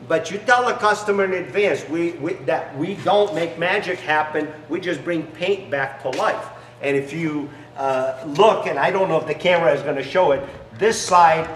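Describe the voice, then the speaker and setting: Slight background noise sits under this fairly bright-toned voice of a middle-aged founder, a non-native English speaker, pitching his business in a big garage. His demo is enthusiastic and salesy but brokenly phrased, and the camera mic several steps off catches plenty of garage echo.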